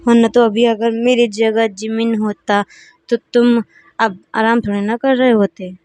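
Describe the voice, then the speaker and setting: A woman's voice: on the high side, little pitch movement, a little mellow, no echo, natural voice. A woman voicing a strict mother who nags and scolds her grown son with sarcasm. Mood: scolding. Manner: nagging, sarcastic, quick-tempered.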